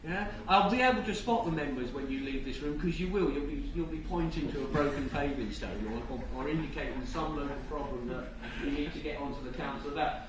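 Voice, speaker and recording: Male conference speaker, rushed and stammering lightning talk with dry asides; distant mic, clearly noisy room. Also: on the high side, heavy reverb. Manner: halting, with stammered word repeats. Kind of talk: live public presentation with wry asides. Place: indoor event room with an audience.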